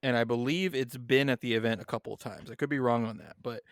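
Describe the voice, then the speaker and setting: Podcast guy, smooth clear voice, dry close mic, reads notes then rambles. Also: medium pitch, steady tone, fast talker, no room sound. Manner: reads background notes aloud, then chats loosely. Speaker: podcast co-host. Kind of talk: casual chat.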